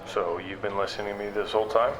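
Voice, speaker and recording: This sci-fi audio drama features a man with a lowish voice as narrator and lead character, a skeptical investigator broadcasting secretly. His performance is lightly acted, halting and understated, with little pitch movement and a probing, doubtful mood. Background noise and prominent music sit under his confessional narration and dialogue.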